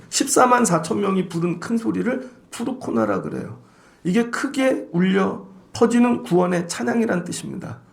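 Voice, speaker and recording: Animated, gravelly-voiced male pastor preaching. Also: sits high. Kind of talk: sermon.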